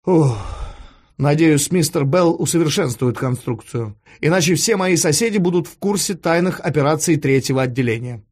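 A no-nonsense police chief, voiced by an audiobook reader, snapping out plans and orders with little patience. The tone is clipped and businesslike, close to the reader's own voice and a little higher. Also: male voice, expressive, darkish tone. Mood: brisk, curt. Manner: brisk and curt. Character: brisk, curt middle-aged male police chief.

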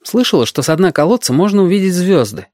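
A man's voice: high-pitched, animated, fast talker, a little mellow, no room sound, studio quality, pitched above the performer's own voice. A man reading a story aloud and voicing an eager sixth-grade boy who patiently explains things to a girl. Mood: eager, explaining.

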